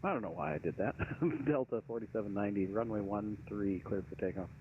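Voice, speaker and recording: A man's voice: lowish voice, fairly quick. A man working as an air traffic controller, giving procedural instructions over aviation radio. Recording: dull, noisy aviation radio.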